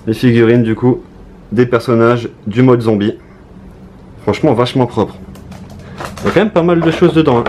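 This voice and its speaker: Young French-accented male YouTuber, casual and excitable, mid-pitched, with faint noise behind. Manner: chatty, excited, talks to viewers. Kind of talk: casual unboxing commentary.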